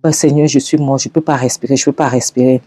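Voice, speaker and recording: A woman's voice: a bass voice, fairly even intonation, quick pace, mellow, slight background noise. A man voicing a panicked young pregnant wife in a spoken movie recap, wailing and pleading breathlessly. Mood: despairing.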